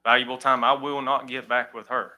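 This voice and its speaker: A man who runs a girls softball league, speaking plainly and earnestly at a county meeting. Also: mid-range voice, level tone, brisk, low-quality recording. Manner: plain-spoken, earnest, repeats "all right". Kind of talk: public comment at a county meeting.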